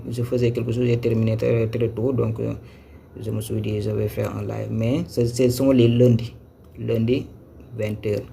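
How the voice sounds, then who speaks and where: A man's voice: mid-range voice, vocal fry, warm tone, slight background noise. A man teaching a live-streamed lesson on Quran reading, patient, repeating each step and checking if viewers follow. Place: Senegal.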